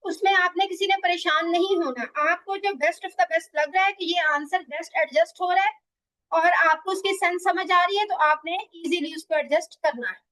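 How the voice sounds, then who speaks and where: A woman's voice: very high-pitched, a bit bright, low-quality recording. A woman teaching an English grammar lesson, explaining in Hindi mixed with English and asking and answering her own questions. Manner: reads English example sentences very slowly; addresses listeners as children and dear students.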